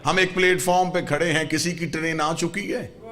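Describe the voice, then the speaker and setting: A man with a Pakistani Urdu accent preaching a majlis sermon, swinging from loud impassioned shouts to soft, low storytelling. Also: fairly even intonation. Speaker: Shia preacher. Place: religious gathering hall.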